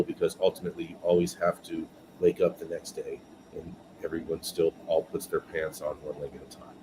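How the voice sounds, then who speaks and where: A man in his forties from California, a podcast guest telling his story earnestly with filler words, over a noisy remote line. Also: low voice. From California, USA. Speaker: podcast guest, business owner. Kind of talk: casual interview chat.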